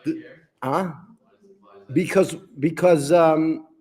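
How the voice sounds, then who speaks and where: A man's voice: on the high side, steady tone, drawn-out words, darkish tone. A man who is a rabbi giving a rambling Talmud lesson, often asking and then answering his own questions. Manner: repetitive, rambling, asks rhetorical questions. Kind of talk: explanatory lecture.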